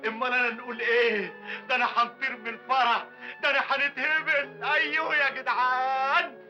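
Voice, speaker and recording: An overjoyed husband with an Egyptian accent who calls out and gushes in a high, rushing voice. Film music plays behind him. It plays as classic Egyptian cinema. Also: male voice, flat delivery, muffled recording, full character voice. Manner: exuberant, shouting his wife's name, gushing. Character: overjoyed husband, expecting his first child.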